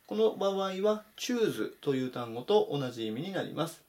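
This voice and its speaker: Man slowly teaching English words. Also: fairly high pitch, big pitch swings, a little mellow. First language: Japanese. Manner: slow, careful spelled-out pronunciation of English words. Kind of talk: scripted vocabulary lesson. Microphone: voice-over.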